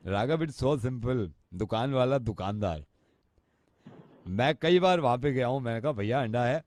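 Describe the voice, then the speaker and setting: A man's voice: medium pitch, lively intonation, measured pace, darkish tone, no room sound, clean studio sound. A man on the radio pulling prank calls, switching between Hindi and English in a teasing tone. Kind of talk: prank call comedy.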